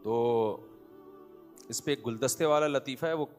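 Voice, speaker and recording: A man's voice: mid-range voice, soft background music. Joking male preacher, loose chatty sermon. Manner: joking, conversational storytelling. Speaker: Islamic preacher. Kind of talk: humorous sermon.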